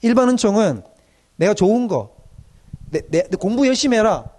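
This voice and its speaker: A man's voice: sits high, moderate pace. A middle-aged male pastor, preaching a doctrine lecture and acting out the voices of young people he has counselled. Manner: animated, acts out quoted young people in dialect.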